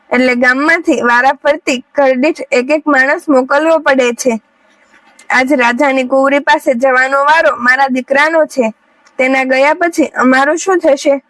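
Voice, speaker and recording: A woman's voice: high-pitched, fairly even intonation, moderate pace, fairly bright tone, no echo, recorded from a distance, rough recording. A woman voicing an old, grieving potter's wife who speaks in a pleading, distressed way.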